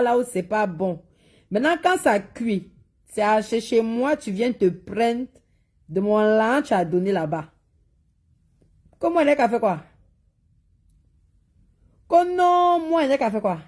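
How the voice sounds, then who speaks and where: A woman's voice: fairly high pitch, a little mellow. A woman with a Cameroonian French accent selling spiritual products, talking bluntly in a live video and scolding viewers with repeated warnings. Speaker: seller of spiritual and cosmetic products. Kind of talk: live social media monologue.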